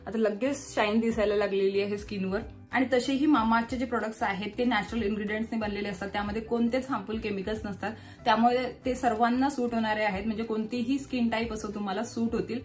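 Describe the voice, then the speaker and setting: Marathi accent lady vlogging, chatty, kinda high voice, soft music under it. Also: fairly even intonation, fast. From Maharashtra, India. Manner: chatty, explains step by step, mixes English words into speech. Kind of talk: casual vlog with sponsored product talk.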